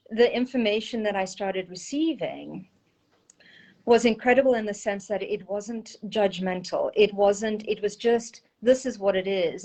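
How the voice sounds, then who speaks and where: Speaking at a medium pitch with a slightly mellow tone, a woman in her forties from South Africa joins a casual interview as a guest via video call. She has a South African accent, Portuguese is her first language, and her speech is peppered with ums.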